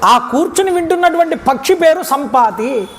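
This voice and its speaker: A man's voice: extremely high pitch, animated, moderate pace. A man with a Telugu accent giving a devotional discourse that retells an epic story, acting out the characters' words as he goes. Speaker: Ramayana discourse speaker. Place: temple grounds. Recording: reverberant hall, faint background noise.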